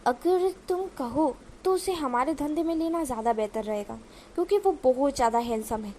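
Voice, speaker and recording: A woman's voice: high-pitched, lively intonation, normal speed, mellow, slight background noise. A woman voicing a middle-aged mother who plots in a sly, conspiratorial way. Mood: scheming.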